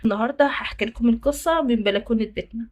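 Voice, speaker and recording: An Egyptian woman opens her storytelling show with a brisk greeting. Her voice sits a little high and her pace is fast and friendly. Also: highs cut off. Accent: Egyptian Arabic. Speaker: storyteller host. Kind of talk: storytelling channel introduction.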